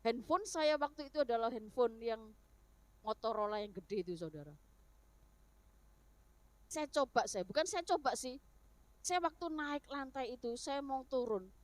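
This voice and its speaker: A woman with an East Javanese accent preaching an animated sermon, talking straight to her listeners. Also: fairly high pitch, moderate pace, pauses often, no echo. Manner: animated, rhetorical, addresses listeners as "saudara".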